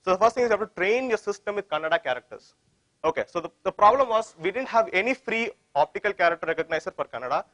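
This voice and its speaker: A man's voice: high voice, lively intonation, fast talker, bright, forceful tone, dry recording, rough recording. A man with an Indian accent giving an informal technical presentation, often repeating phrases and posing questions that he answers himself. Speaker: tech conference presenter.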